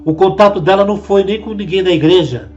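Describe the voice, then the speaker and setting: A man's voice: high voice, fast talker, darkish tone. A man hosting with earnest religious commentary, addressing fellow believers in a preacherly way. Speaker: host commenting on testimonies. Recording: dull lo-fi sound with faint music. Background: faint music.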